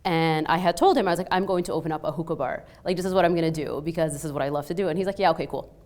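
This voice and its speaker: A woman in her thirties, a native Arabic speaker from Egypt, speaks rapid-fire in a lowish voice as she tells casual personal stories on a panel. Her accent is slightly Egyptian but mostly Canadian-sounding. A restaurant owner and peace scholar, she's lively and chatty, uses plenty of fillers like "like" and "you know", and acts out the exchanges she quotes.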